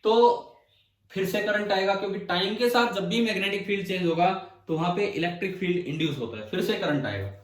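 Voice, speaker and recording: A man's voice: high voice, brisk. A male physics teacher lecturing a class, explaining step by step and firing questions at his students. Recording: echoey room, from far off.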